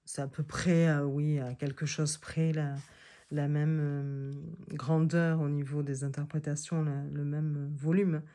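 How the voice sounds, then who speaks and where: A woman's voice: deep voice, flat delivery, a little slow, warm tone. A woman chatting casually as she reviews tarot decks, often hesitating and restarting, and reading card texts aloud. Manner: hesitant, many fillers and restarts. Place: seated indoors on a creaky chair.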